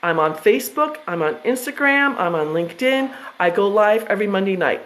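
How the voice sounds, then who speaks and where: American woman, 50s, mid-pitched, casual rambling presenter who restarts sentences often. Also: animated, a little fast, a bit bright, rough recording. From United States. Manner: chatty, self-interrupting, with frequent fillers and restarts. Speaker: trust educator presenting to investors.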